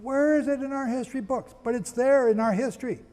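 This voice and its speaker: A man giving a sermon-style history lecture, firing rhetorical questions at his listeners, spelling out names and rushing to get through it. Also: very high voice, a little mellow, big-room sound. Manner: asks the audience rhetorical questions; rushes, apologizes for talking fast. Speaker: preacher.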